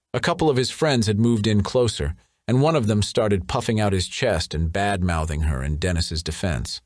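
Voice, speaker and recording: Low-voiced man narrating an audiobook. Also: dry recording, clean studio sound.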